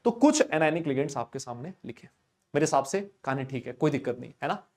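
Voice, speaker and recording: A man's voice: medium pitch, very animated, fast talker, a little mellow. A man teaching chemistry in a live online lecture, chatty and teasing, answering comments as he goes. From India. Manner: chatty, teasing, answers live chat comments, coaxes students with filler tags.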